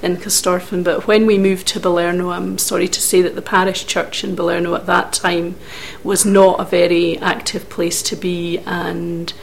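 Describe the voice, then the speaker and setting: A middle-aged Scottish woman from Scotland, recalling her life story in an interview with measured, thoughtful pauses. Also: on the low side, level tone, vocal fry, slight background noise. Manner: measured, thoughtful recollection with occasional hesitations.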